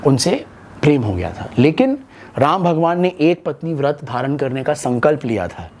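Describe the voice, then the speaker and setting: A man's voice: on the high side, big pitch swings, normal speed, darkish tone, a little hiss or hum. A young man, an actor, talking earnestly about his work in a casual interview, often switching into English. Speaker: actor and playwright, guest.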